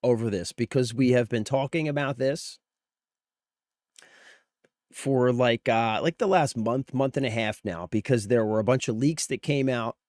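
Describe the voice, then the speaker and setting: Sick and nearly voiceless, a live streamer host strains through casual commentary on gaming news, talking informally to his viewers. His mid-range voice is a little slow and slightly mellow, captured in clean studio sound with no echo.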